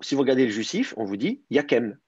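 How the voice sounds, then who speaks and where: Lively-voiced teacher on a dull call line. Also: male voice, mid-range voice, quick pace, slightly rough, no room sound. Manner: explains step by step, thinking aloud with many "euh". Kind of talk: online Hebrew grammar class.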